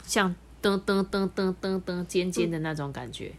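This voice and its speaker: Animated mother reading a picture book. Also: on the low side, moderate pace, creaky. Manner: animated, explains things to children. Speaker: mother reading to her child.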